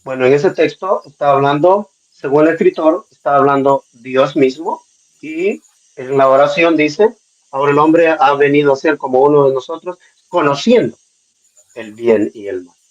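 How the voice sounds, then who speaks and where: A male preacher speaks haltingly, filling pauses as he gathers his thoughts. His voice sits slightly high and comes through dull lo-fi call audio. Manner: hesitant, many fillers. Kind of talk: debate participant.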